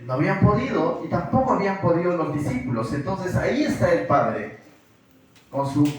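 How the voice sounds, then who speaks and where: High-voiced pastor preaching in an echoey hall. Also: male voice. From Peru. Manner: rhetorical questions, acts out pleading quotes. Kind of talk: verse-by-verse sermon. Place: church hall. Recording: echoey room, mic at a distance, faint noise.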